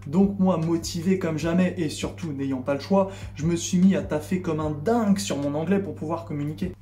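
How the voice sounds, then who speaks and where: A man's voice: fairly high pitch, normal speed, dark tone. A young man from France giving a comic vlog monologue in a sarcastic, mock-indignant way. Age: young adult. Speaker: vlogger. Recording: echoey room, faint background music.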